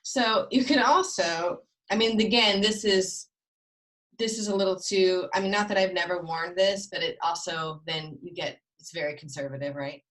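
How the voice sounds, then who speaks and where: A woman's voice: on the low side, moderate pace, a bit bright. A woman in her fifties hosting a casual video call about fashion, chatty and rambling, often trailing off mid-sentence. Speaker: host.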